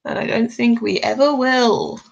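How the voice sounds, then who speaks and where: A woman's voice: a little high, measured pace, creaky, highs cut off. A woman chatting casually on a live stream while she draws, a bit tired, rambling and laughing often.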